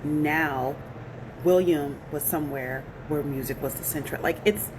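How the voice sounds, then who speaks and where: Low-voiced indignant woman vlogger. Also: measured pace, noisy background. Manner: indignant, mocking, talks to viewers directly. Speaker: royal news commentator. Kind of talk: casual commentary vlog.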